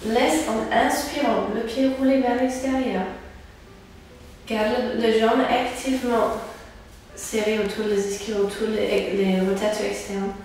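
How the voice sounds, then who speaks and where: Pilates teacher lady, calm breath cues, kinda high voice, super echoey room from far off. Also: measured pace, slight background noise. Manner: calm step-by-step cueing of breath and movement. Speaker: Pilates instructor. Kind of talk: guided exercise class.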